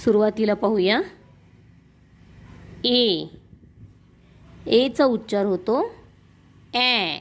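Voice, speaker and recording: A woman with a Marathi accent teaching a phonics lesson at an extremely slow pace. She has a fairly high voice. She says each letter sound twice, clearly and deliberately.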